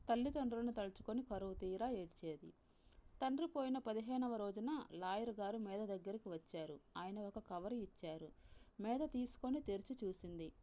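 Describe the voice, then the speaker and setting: Female storyteller, Telugu accent, measured scripted reading, dark mellow voice, middle pitch. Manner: calm, measured reading with soft voiced dialogue.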